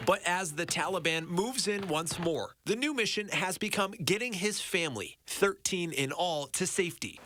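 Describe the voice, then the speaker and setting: A man voicing a TV news report with a slow, deliberate reporter cadence. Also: high voice, bright, forceful tone. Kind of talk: news package voice-over.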